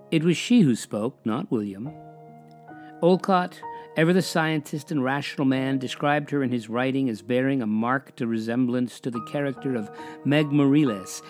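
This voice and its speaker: Man narrating an eerie history. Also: medium pitch. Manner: measured, dramatic pauses, drops to a hush on eerie details. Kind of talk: scripted storytelling narration.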